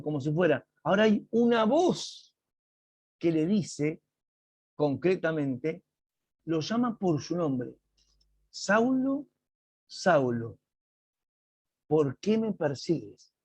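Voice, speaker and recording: Husky, slow male Bible teacher. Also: on the high side, dark tone, no room sound. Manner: slow, emphatic explaining with dramatic read-aloud quotes. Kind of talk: online Bible class lecture. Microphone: video call.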